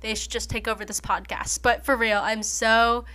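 A woman's voice: on the high side, steady tone, moderate pace, sharp tone. A young woman in her twenties, from the United States, hosting a casual podcast interview in an upbeat, chatty way. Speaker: podcast host.

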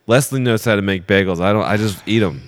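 A man co-hosting a podcast in casual chat, telling stories with dry, deadpan jokes. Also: on the low side, quick pace. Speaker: podcast co-host.

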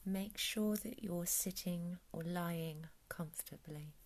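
Woman, soft whisper, guided meditation, gravelly fry, very slow. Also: fairly low pitch. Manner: soft whispering, calm and soothing.

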